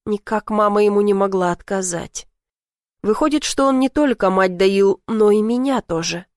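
A young woman reading an audiobook in an expressive, emotional way. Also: mid-range voice, moderate pace, no room sound. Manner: emotional, vivid, flares into shouting in dialogue. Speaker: audiobook narrator. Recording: dry close studio sound.

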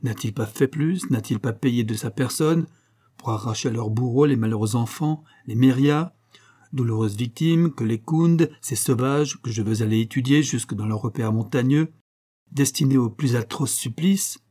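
Brief: man reading as a passionate young Frenchman, husky and mellow, pleading with rising questions. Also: mid-range voice, normal speed, natural voice. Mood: fervent. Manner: fervent, rhetorical questioning.

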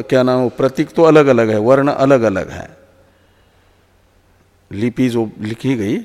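A man teaching philosophy in a slow, patient lecture, often repeating words and restarting phrases as he explains. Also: medium pitch, darkish tone. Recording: long hall reverb.

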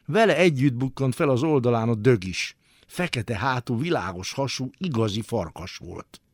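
A man reading a literary story aloud for radio in a radio studio, with dramatic, expressive delivery. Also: medium pitch, dry recording. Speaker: narrator.

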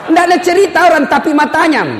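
A man's voice: extremely high pitch, steady tone, racing, fairly bright tone. A man preaching a humorous sermon, joking and bantering with the congregation. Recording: echoey hall with faint background hum.

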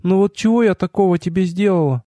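A man voicing a proud, hot-tempered young goddess in an audiobook, pitching his voice well up and speaking imperiously. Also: dark tone, no room sound, clean studio sound, natural voice. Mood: sulky. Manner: imperious, quick to flare up, then pleading.

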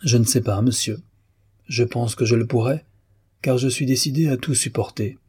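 A man voicing a proud, clever young man who answers politely and with quiet confidence. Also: medium pitch, moderate pace, breathy edge.

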